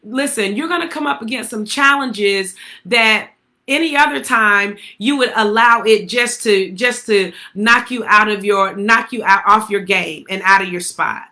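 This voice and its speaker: A woman's voice: mid-range voice, a little slow, pushed and bright. A woman preaching a livestreamed morning sermon, calling on listeners and repeating phrases for emphasis. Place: livestream to online viewers.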